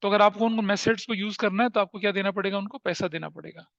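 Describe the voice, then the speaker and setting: Lively, bright-voiced man teaching a class. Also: high-pitched, fast talker, creaky, dry recording, highs cut off. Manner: animated storytelling, asks the class questions. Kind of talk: classroom lecture.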